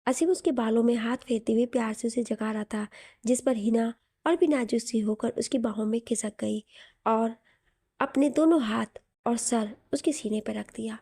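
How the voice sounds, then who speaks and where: A woman narrating a romantic audio story in a soft, even storytelling manner. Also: on the high side, normal speed, no room sound, clean studio sound.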